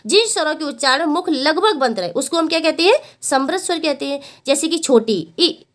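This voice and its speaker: A woman with a high-pitched, expressive voice teaches a Hindi exam-prep lesson. She asks the class a question, answers it herself, and repeats each point, often calling the students "beta" and drawing out vowels to demonstrate them.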